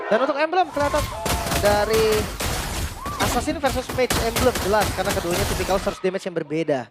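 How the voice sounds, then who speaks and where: A man's voice: sits high, a little fast, over a noisy crowd. A man with an Indonesian accent giving colloquial, exclamatory commentary on an esports match. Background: music.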